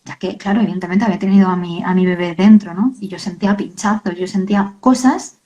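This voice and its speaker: Woman, interview guest, earnest, halting, warm mellow tone. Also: mid-range voice, fairly even intonation, rough recording. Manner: earnest, halting, many tag questions. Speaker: author and guest. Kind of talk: emotional interview talk.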